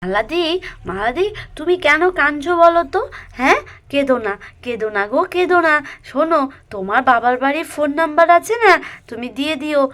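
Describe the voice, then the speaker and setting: Casting: woman playing the eldest bride, calm and reassuring, fairly high voice. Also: fairly quick. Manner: explaining, reassuring. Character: eldest daughter-in-law, wise and comforting.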